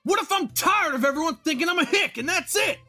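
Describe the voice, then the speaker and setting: A man doing a high twangy country deer youth, with music. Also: lively intonation, fast, pushed and bright, heavily acted. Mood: earnest. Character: young country deer man, defensive and earnest.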